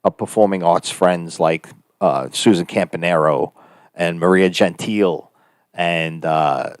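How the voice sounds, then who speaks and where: A man's voice: low voice, unhurried, no echo. A man with a New Jersey Italian-American accent, co-hosting a casual live stream and rambling with many fillers and restarts. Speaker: co-host and actor.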